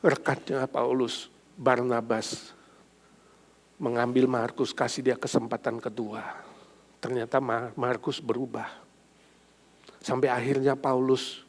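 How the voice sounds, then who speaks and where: A male pastor preaching a sermon, swinging from loud emphatic build-ups to soft, low asides and mixing in casual speech. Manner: mixes casual speech and English phrases into preaching. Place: church sanctuary.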